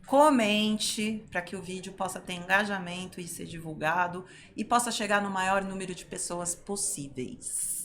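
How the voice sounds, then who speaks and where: A woman co-hosting a podcast, greeting the audience and asking viewers to follow the channel in slow, deliberate phrases. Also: medium pitch. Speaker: podcast co-host. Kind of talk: casual podcast interview. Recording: faint background noise.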